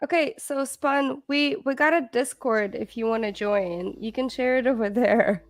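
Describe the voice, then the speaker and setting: A woman hosting a casual live stream chat on a video call, chatty and excitable. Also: on the high side, moderate pace, no room sound. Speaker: stream host.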